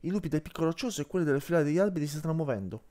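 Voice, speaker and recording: A man voicing an anxious young wolf in an audiobook, calling out an urgent warning in a much higher, louder voice. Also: lively intonation, very fast, lightly acted. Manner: urgent, alarmed.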